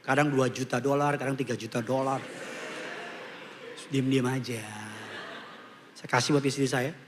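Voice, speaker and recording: A man preaching a humorous, animated sermon to a congregation in church, slipping English phrases into his talk. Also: medium pitch, a little hiss or hum. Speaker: pastor.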